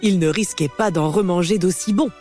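A woman narrating a fairy tale for a storybook recording with expressive, lively delivery. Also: fairly low pitch, brisk, soft background music.

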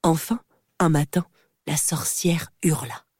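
Expressive woman reading a fairy tale. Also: sits low, takes it slowly, slightly rough, no room sound, studio quality. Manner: expressive, lively storytelling. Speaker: narrator. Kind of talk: scripted storybook narration.

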